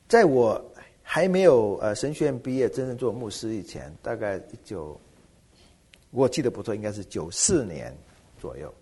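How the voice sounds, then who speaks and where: A middle-aged man, a pastor, preaching a sermon with animated rhetorical questions. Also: lowish voice, normal speed, breathy edge.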